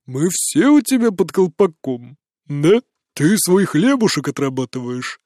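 A man's voice: on the high side, sing-song, a little slow, no echo, clean studio sound. Man putting on a slurring drunk, mocking man. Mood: drunkenly mocking. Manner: slurred drawling, jeering and shouting. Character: drunk bitter middle-aged man, mocking and volatile.

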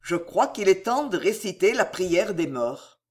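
Reader doing a majestic old male admiral, grave, slow, dignified. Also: medium pitch, big pitch swings. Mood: serene.

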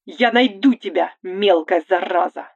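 A woman's voice: medium pitch, unhurried, dry recording, highs cut off. A woman reading the part of a selfish, controlling young man who commands and threatens his girlfriend. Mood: furious. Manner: commanding and menacing, turns coaxing.

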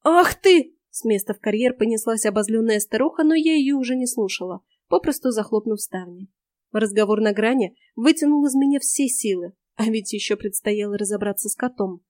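A woman narrating a first-person audiobook in a lively, expressive reading voice. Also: a little high, a little fast, no echo, clean studio sound.

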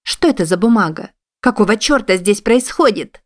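A woman reading an audiobook, voicing a haughty, hot-tempered young lady who shouts in indignation. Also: mid-range voice, moderate pace, pitched above the performer's own voice, natural voice. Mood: indignant.

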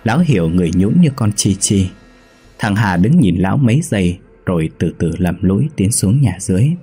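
A man telling a horror story in a slow, measured narration. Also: deep voice, sing-song, dark tone, breathy edge.

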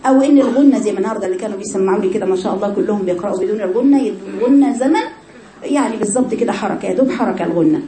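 A woman's voice: medium pitch, very fast, dark tone, reverberant. A woman with an Egyptian accent teaching Quran recitation rules to a class of women, asking rhetorical questions and demonstrating mistakes aloud. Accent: Egyptian Arabic. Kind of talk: tajweed lesson to women.

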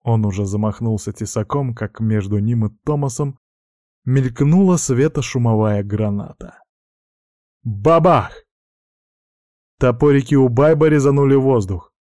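A man narrating fantasy fiction as an audiobook in a steady, even storytelling voice. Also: medium pitch, moderate pace, dry recording, clean studio sound. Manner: steady, even storytelling with dramatic sound words.

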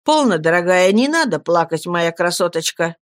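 A woman reading an audiobook, voicing a tender young man who gently soothes his fiancée. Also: lowish voice, lively intonation, moderate pace, no room sound, natural voice. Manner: soft, soothing.

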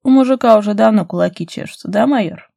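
A woman's voice: medium pitch, big pitch swings, fairly quick, vocal fry, warm tone. A woman reading the lines of a sly, mocking man in an audiobook.

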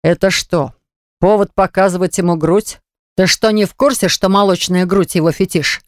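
A man's voice: high voice, steady tone, normal speed, dry recording, lightly acted. Reader doing a bossy, jealous man: barks orders and accusations, with a clean, dry audiobook sound. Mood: furious. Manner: barking, demanding, accusatory. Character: jealous, domineering male hotel owner, adult. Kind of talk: audiobook character voice.

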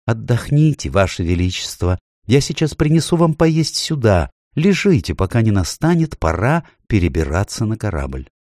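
A man voicing an excitable male faun in a storybook, talking in a high, eager, fussing way. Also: moderate pace, few pauses, dry recording, clean studio sound. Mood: kindly. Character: fussy, excitable male faun plotting an escape.

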